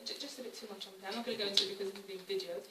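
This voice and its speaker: Over a noisy crowd, a young woman from Wales races through a public talk at medium pitch with a steady tone. The arts centre hall is echoey and the recording distant. Her delivery is wry and chatty, with frequent restarts.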